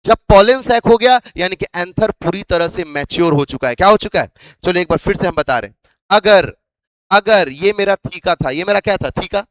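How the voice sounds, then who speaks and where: High-voiced man drilling a biology class. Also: expressive, moderate pace, a bit bright, no room sound. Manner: repeats questions to drill students. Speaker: biology teacher. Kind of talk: classroom lecture.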